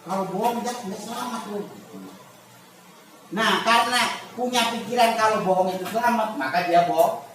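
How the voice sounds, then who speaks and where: This religious teacher has a high-pitched, slightly bright voice and speaks at a normal speed. He reads Arabic text to his class, explains it casually, and dramatizes little scenes by voicing the people in them. It was recorded noisily in an echoey room with a distant mic.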